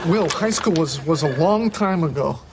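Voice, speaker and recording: Stammery sitcom guy, kinda high voice, audience noise all around. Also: expressive, a little slow, a crowd in the background. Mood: awkward. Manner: hesitant, stumbles on a word. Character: hesitant man in a sitcom scene.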